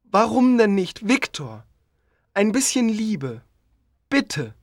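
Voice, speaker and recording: A lonely, hulking creature pleads in a slow, sorrowful voice that rises and falls widely, each word weighed. This is storybook audio drama in a dry, close recording. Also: mid-range voice, sing-song, no room sound, exaggerated voice. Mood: pleading. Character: lonely, pleading giant creature made by a scientist. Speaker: narrator of his own story.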